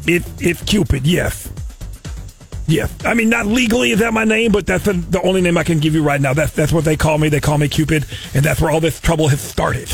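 Man, high voice, gravelly, goofy rambling prank caller, stammers, faint music underneath. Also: fairly quick. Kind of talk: prank phone call on morning radio.

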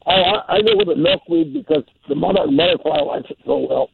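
A man's voice: very high-pitched, wildly swooping pitch, a little fast, gravelly. A man calling in to a radio show on a muffled, garbled phone line that makes him sound underwater. He stumbles and repeats his words. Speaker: radio call-in caller. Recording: tinny, crackly phone line.

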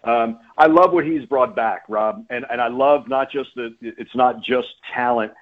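A male radio guest doubling as a play-by-play announcer calls sports emphatically, repeating phrases to drive points home. He has a mid-range voice and a measured pace, heard through a phone-like narrow-band radio line.

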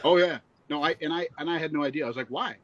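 A man's voice: on the high side, rapid-fire, crowd noise. Man on glitching, cutting-out call audio. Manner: rambling anecdote with restarts. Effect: glitching audio that keeps cutting out. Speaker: podcast panelist. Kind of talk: casual sports chat. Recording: dull lo-fi remote call audio.

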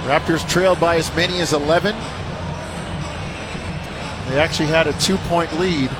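High-voiced man calling basketball play-by-play. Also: fairly even intonation, moderate pace, music in the background. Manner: clipped short phrases. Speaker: play-by-play commentator. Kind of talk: live basketball commentary. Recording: courtside arena noise behind voice. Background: basketball arena crowd and bouncing balls.

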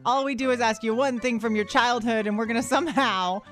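A woman co-hosting a radio morning show with animated, exclamatory, upbeat chat. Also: a little high, fairly quick. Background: music bed.

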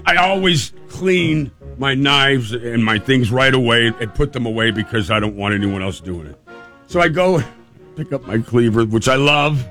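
A male radio host with a mid-pitched voice tells a casual, humorous story. He rambles and repeats phrases for emphasis, with faint music underneath. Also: bright, forceful tone.

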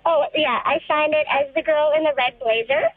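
A woman's voice: sits high, moderate pace. A woman caller telling a story sheepishly, her voice run through a chipmunk filter. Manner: sheepish, self-conscious storytelling. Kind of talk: casual chat. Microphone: phone. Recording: tinny phone line.

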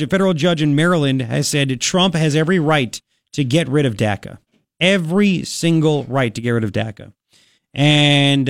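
Fairly high in pitch, this male talk-radio host carries a Long Island, New York accent as he delivers opinionated political commentary. His style is emphatic and colloquial, with phrases repeated for effect, captured in a dry, clean studio recording.

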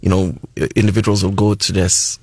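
A middle-aged man from Trinidad and Tobago, a school superintendent interviewed in a radio studio, speaking in a measured, halting way. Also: sits low, flat delivery, slightly rough, dry recording. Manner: measured, halting, many fillers and restarts.

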